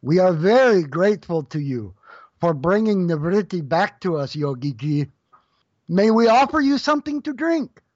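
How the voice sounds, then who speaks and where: A man's voice: high-pitched, very animated, normal speed, a little mellow, no echo. A storyteller voicing a grateful, courteous middle-aged village father who pleads politely with a guest. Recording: dull lo-fi dry recording.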